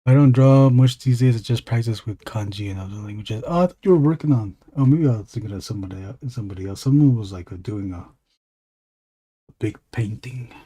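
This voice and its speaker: An illustrator streams himself drawing, chatting casually and rambling with his live-stream viewers, reading their chat and asking them questions. His husky voice is on the low side, brisk, and warm.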